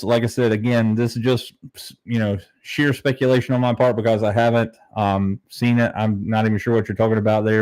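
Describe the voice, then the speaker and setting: A man's voice: medium pitch, a little mellow, dry recording, poor audio. Man chatting casually on a fishing livestream. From southern Ohio, United States. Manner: laid-back, rambling, peppered with "man" and "dude". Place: very small, bare-walled home room used as a studio, slightly echoey.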